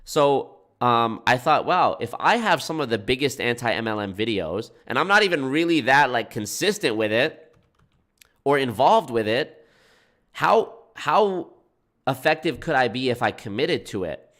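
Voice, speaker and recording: A man's mid-range, somewhat bright voice swings widely in pitch as he talks at a measured pace. Nasal and congested, this anti-MLM YouTube creator rambles casually to his livestream chat, often fixing and restarting what he says.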